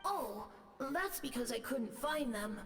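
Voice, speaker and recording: A woman's voice: on the high side, lively intonation, unhurried, over loud music. A woman voicing a shy, apologetic little boy ghost in a video game, meek and hesitant.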